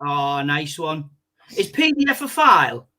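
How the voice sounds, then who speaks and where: High bright-voiced man telling stories. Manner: animated storyteller, quick to laugh at himself. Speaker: co-host. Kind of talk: casual banter, swearing anecdotes.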